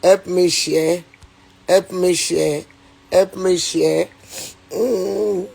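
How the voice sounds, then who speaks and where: A woman with a Nigerian accent goes live on her phone with an angry rant. She talks slowly, circles back over the same phrases, and pleads with viewers between bursts of heat. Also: lowish voice, steady tone, vocal fry, darkish tone, slightly rough. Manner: repetitive, pleading, heated, mixes in Yoruba. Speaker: actress on a livestream.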